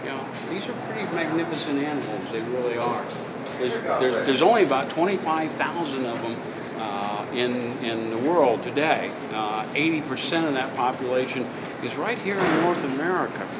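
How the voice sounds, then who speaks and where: A man's voice: medium pitch, expressive, normal speed. A middle-aged man talking in a conversational educational interview, encouraging and often checking in with the listener. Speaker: youth programme leader and interviewer. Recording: loud ambient vehicle-like background noise.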